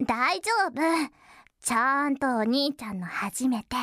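A woman voicing a teasing, seductive adult younger-sister character in an intimate audio drama, speaking softly and slowly with frequent giggles. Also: high-pitched, very animated, no echo, clean studio sound, exaggerated voice. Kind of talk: intimate audio role-play.

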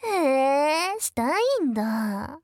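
A woman's voice: high-pitched, expressive, extremely slow, a little mellow, no echo, clean studio sound, exaggerated voice. A woman voicing Miyuki, a taunting, bossy younger sister. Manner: taunting, condescending, frequent giggles. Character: mocking, domineering adult younger sister. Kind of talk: audio role-play drama.

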